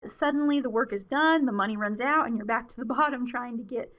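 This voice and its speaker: A woman's voice: a little high, fairly quick, a bit bright. A woman presenting a webinar in a friendly, conversational way with frequent fillers, her voice wearing out. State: losing her voice.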